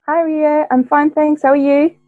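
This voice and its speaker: The interview guest, a Romanian-born interpreter whose first language is Romanian, speaks in a high-pitched, level tone over a tinny line. The recording is dry, with soft music in the background, and her manner in the casual chat is measured and articulate.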